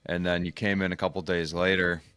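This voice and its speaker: A man hosting a casual interview as a physical therapist, talking haltingly with many restarts. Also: low-pitched, level tone, fairly bright tone, smooth, no room sound, clean studio sound. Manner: halting, searching for words. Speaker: physical therapist and podcast host.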